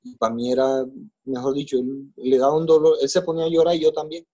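Speaking fast in a fairly high, mellow voice with a steady tone, a middle-aged Colombian-accented man tells his life story during a relaxed interview. As the guest, he's plainspoken and emotional, leaning on coarse slang and saying things more than once.

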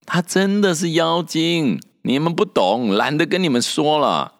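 A man's voice: on the high side, expressive, a little slow, in a large hall, pitched above the performer's own voice. A man doing a brash, cocky monkey king. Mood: impatient. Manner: cocky, dismissive, teasing. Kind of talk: storybook character voice.

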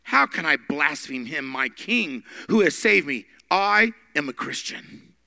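A man voicing an aged male bishop, bold and unyielding, in slow, solemn declaiming. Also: a little high, lively intonation, creaky, sharp tone, dry recording, heavily acted. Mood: defiant.

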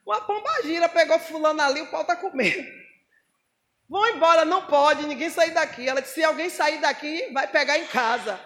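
A woman preacher, telling a testimony in a lively, mocking way and acting out the voices she quotes. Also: sits high, a little fast. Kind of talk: sermon with testimony.

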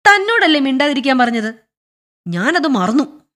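A woman voicing an irritable older male general who brushes people off curtly and scolds loudly. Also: high voice, sing-song, moderate pace, pitched above the performer's own voice. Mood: angry. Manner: curt, loud, scolding.

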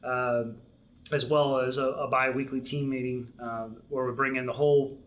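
Measured man explaining at length. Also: medium pitch, little pitch movement, a bit bright, slight background noise. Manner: measured, explanatory, many restarts and fillers. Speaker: Marine Corps program manager, guest. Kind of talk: podcast interview.

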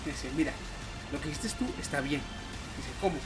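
A man's voice: fairly high pitch, fairly quick, loud music behind the voice. A man with a Mexican Spanish accent chatting casually, slangy and swearing a lot as he tells stories, putting on other people's voices. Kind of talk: casual chat.

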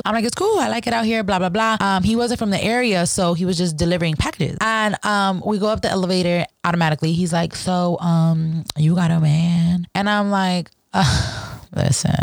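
A woman's voice: lowish voice, no room sound. Young woman in her twenties, podcast host, casual storytelling, frequent laughter, swearing, dry close-mic sound. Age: 20s. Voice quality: laughs often, swears freely, quotes in varied voices.

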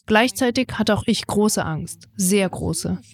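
Woman in her twenties, calm reflective reading. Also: medium pitch, takes it slowly. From Ukraine. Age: 20s. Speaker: narrator of her own story. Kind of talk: read first-person testimony.

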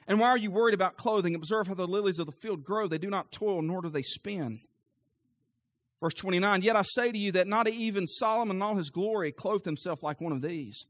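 Fervent preaching pastor, high voice. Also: male voice. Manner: builds from calm teaching to loud, fervent preaching. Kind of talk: sermon. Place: church.

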